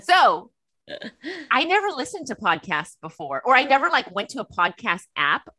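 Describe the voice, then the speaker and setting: A woman from Los Angeles with a Californian American accent chats casually as a podcast guest, telling personal stories and animatedly acting out bits of dialogue. Her voice is a little high, her speed normal, and there is no room sound.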